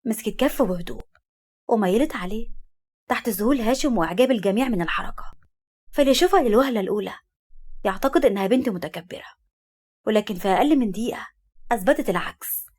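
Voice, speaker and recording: A woman narrating a story in a brisk, lively reading with an Egyptian accent. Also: a little high.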